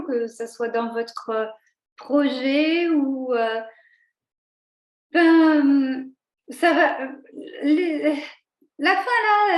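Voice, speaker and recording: Woman doing a tarot reading at home, high voice, slow and rambly, echoey room. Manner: rambling, hesitant, many fillers and restarts; chatty, talks to her cat in a cooing voice. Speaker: tarot reader. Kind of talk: casual tarot reading to camera.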